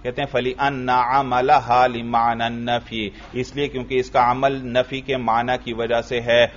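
A man teaching Arabic grammar in a classroom lesson, reading the text in a slow chant and then explaining it and quizzing his students. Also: mid-range voice, flat delivery, muffled recording, a little hiss or hum.

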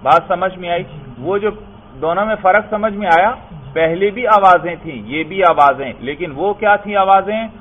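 A man teaching Arabic grammar in Urdu. He reads Arabic phrases slowly, then explains them and keeps asking his listeners whether they have understood. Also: high-pitched. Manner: keeps asking if it is understood, often says "brother". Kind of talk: classroom lesson explaining Arabic text. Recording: tinny phone-like recording with faint noise.

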